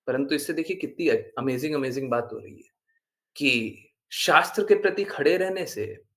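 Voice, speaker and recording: A man's voice: on the high side, moderate pace, a bit bright. A man giving a devotional class talk, earnest and insistent, repeating phrases for emphasis and mixing English words into his speech. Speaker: spiritual teacher.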